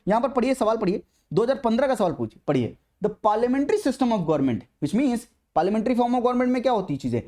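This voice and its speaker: A man's voice: very high-pitched, big pitch swings, brisk, dark tone. A young man giving an exam prep lecture in a mix of Hindi and English, stressing points by repeating them. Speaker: exam coaching teacher.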